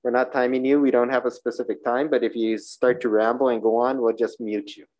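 Speaking a little fast, the forties-aged man chairing this legislative hearing has a medium, slightly mellow voice with little pitch movement. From a desk microphone on a stand in the hearing room, he reads the rules and calls testifiers, making informal asides and stumbling over names, all on a low-quality recording.

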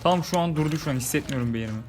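A man's voice: fairly high pitch, very fast, darkish tone. A man commentating casually over his own gameplay, joking and grumbling as he repeats his complaints. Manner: frustrated, repeats himself, jokey complaints. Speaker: gaming YouTuber. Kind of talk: casual let's-play commentary.

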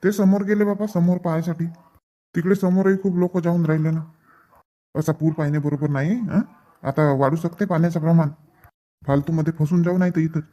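High-voiced excitable village man. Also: fairly quick. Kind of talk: acted rural comedy sketch.

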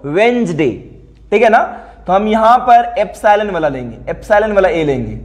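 A man teaching English phonemic transcription at a board. He keeps asking his pupils questions and repeats each word slowly. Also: high voice, big pitch swings. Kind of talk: classroom board lesson.

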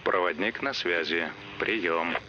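Brief: low-voiced resistance contact on the radio, dull and crackly with loud noise, terse and businesslike. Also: male voice, takes it slowly. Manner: terse radio protocol, calm. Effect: radio transmission.

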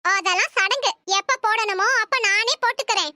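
A woman's voice: very high voice, moderate pace, bright, forceful tone, no echo, clean studio sound, full character voice. A woman voicing a sly young daughter-in-law in a comic cartoon, talking in a whiny, dramatic, wailing way.

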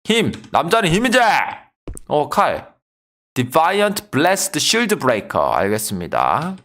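A young man giving excitable let's-play commentary, yelling at enemies and joking with viewers. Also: medium pitch, drawn-out words. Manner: excitable, yells and trash-talks the game. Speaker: gaming YouTuber.

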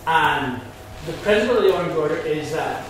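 A man's voice: fairly high pitch, animated, a little fast, a bit bright. A man with a Belfast accent, casually and bluntly explaining things to visitors as a Freemason guide. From Northern Ireland. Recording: echoey hall from far off, with background noise.

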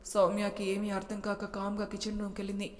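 Woman reading a story out, super flat steady tone, reverb in the room. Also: medium pitch, quick pace. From Telugu-speaking India. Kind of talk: storybook narration.

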